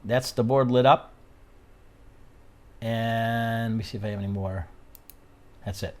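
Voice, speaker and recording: A man's voice: mid-range voice, fairly even intonation, unhurried, darkish tone. A middle-aged man hosting a podcast, chatting casually and rambling with frequent laughs. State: out of breath. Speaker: podcast host. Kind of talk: casual chat.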